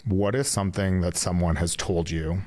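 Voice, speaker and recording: Deep-voiced man hosting an interview. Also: steady tone, a little mellow. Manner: measured, affirming, summarizing the guest's points. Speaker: podcast host. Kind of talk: reflective interview talk.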